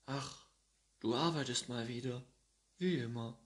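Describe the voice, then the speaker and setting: A man's voice: medium pitch, measured pace, voice pushed up, natural voice. A man voicing a curious, cautious neighbour who speaks carefully, in a lifted voice.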